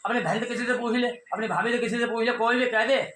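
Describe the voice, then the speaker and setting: A man's voice: extremely high pitch, fairly even intonation, quick pace, fairly bright tone, reverberant, slight background noise. Heated man pleading his side. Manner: heated, pleading, repeats himself. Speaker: husband telling his side of a family dispute. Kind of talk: emotional personal account.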